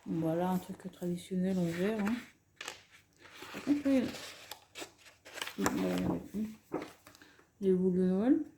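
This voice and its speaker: A woman's voice: on the low side, measured pace, pauses often. A woman casually chatting through a craft supply haul, showing items one by one and correcting herself as she goes. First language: French. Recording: echoey room with faint noise.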